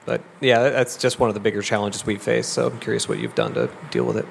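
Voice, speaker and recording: A man's voice: medium pitch, flat delivery, fast, creaky. A man in the audience asking the panel a question, friendly and a bit hesitant. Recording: long hall reverb, faint room noise.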